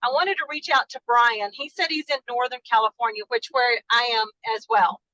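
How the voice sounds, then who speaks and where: A woman's voice: on the high side, a little fast, bright, forceful tone, slight background noise, low-quality recording. A woman with a Dallas Texas accent, calling in by phone while driving, chatting effusively and apologizing for interrupting. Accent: Texan (Dallas). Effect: calling in by phone while driving a car. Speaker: caller, notary. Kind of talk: casual chat on a video call. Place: in a car.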